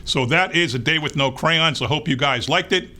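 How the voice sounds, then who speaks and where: A man reading a picture book aloud to young children in an expressive read-aloud manner. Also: a little high, moderate pace. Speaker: storybook reader.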